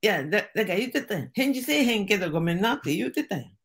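A woman's voice: medium pitch, sing-song, racing. An older woman with a Kansai accent, chatting casually as the host's mother and giving easygoing, matter-of-fact advice. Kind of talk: casual chat.

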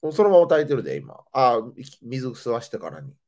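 Man telling animated stories in a Kansai accent. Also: mid-range voice, brisk. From Nara, Japan. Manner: animated, expressive storytelling with laughter. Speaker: host. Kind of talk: casual chat and storytelling.

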